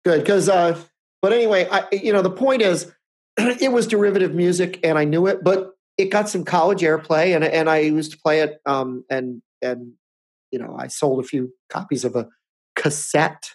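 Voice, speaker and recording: Co-hosting a casual podcast, a man in his fifties speaks at a moderate pace in a fairly high voice with fairly even intonation. He rambles, chuckles, and frequently restarts what he's saying.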